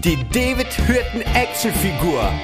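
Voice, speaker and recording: A woman's voice: mid-range voice, very animated, moderate pace, close to an everyday voice. A woman playing a hyped announcer in a spoof toy commercial, with guitar music behind her. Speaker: advert announcer.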